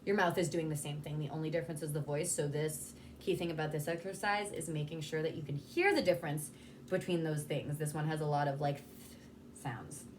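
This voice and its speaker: A low, brisk, slightly mellow female voice comes through with a bit of hiss or hum. She's a vocal coach demonstrating articulation of sounds in a casual, informal teaching style.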